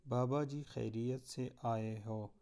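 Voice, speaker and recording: A man's voice: medium pitch, fairly even intonation, dark tone, clean tone, lightly acted. A man voicing a devout older cleric who grieves but holds firm, in an earnest, solemn way.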